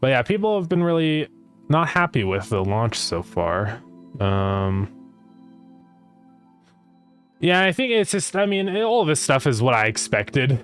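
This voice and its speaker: A man's voice: mid-range voice, clear, resonant tone. A man chatting casually as a game developer livestreamer, rambling as he thinks aloud, his speech slightly slurred by retainers. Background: music.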